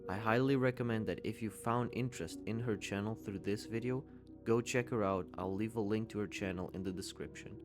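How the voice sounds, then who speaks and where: A man's voice: on the low side, fairly quick, music in the background. A man in his twenties giving a candid, conversational commentary voice-over and swearing casually. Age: 20s. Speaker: YouTube commentator.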